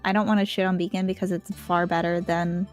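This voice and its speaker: A woman's voice: lowish voice, little pitch movement, a little fast, soft background music. A young woman chatting casually and bluntly over a livestream headset mic while drawing, swearing freely. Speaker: art streamer.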